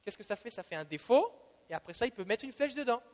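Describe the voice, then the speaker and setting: A man with a Quebec French accent teaching a Bible sermon as a preacher, emphatic and repeating his key phrases, swinging between soft asides and loud declarations. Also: very high voice, sing-song, fast talker, in a large hall.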